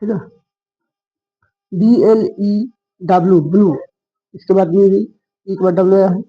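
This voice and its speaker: Male teacher, patient spelling drills, raised pitch, muffled lo-fi recording. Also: steady tone, breathy edge. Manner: slow, patient, repeats each rule. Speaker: English teacher. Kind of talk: spoken lesson spelling out words. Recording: dull lo-fi sound.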